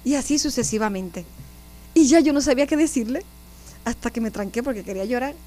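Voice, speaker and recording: A nun in her fifties with a Puerto Rican accent shares her testimony in an interview. Her voice sits on the high side and sounds mellow and warm. She tells it vividly and keeps turning to her listeners. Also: fairly quick. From Puerto Rico. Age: 50s. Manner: animated storyteller, often addresses listeners directly.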